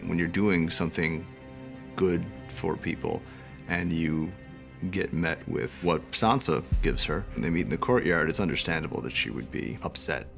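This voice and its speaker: A man's voice: low-pitched, moderate pace, vocal fry, a bit bright, faint music behind. A man talking as a series creator in behind-the-scenes interview commentary.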